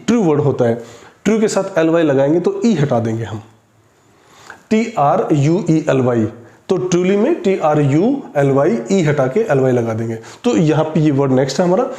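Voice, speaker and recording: A man teaching an English spelling lesson, spelling words out slowly letter by letter. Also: fairly high pitch, warm tone. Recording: echoey room.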